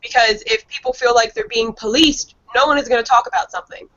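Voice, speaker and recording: A woman speaking as a guest on an online panel, explaining her points in a measured way with frequent ums. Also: on the high side, a bit bright. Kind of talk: casual panel discussion. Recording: lo-fi online call audio.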